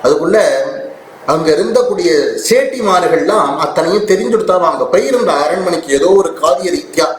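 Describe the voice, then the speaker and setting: A man giving a devotional discourse who tells a story with dramatic feeling and slowly chants verses. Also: high voice, lively intonation. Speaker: religious discourse speaker. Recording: roomy, faint ambient noise.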